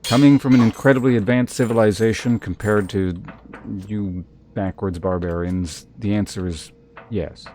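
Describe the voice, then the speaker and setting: A man commentates on a live game stream, chatting in a rambling, wry way. His voice is on the low side and darkish, with a steady tone at a moderate pace, and there's faint noise on the recording.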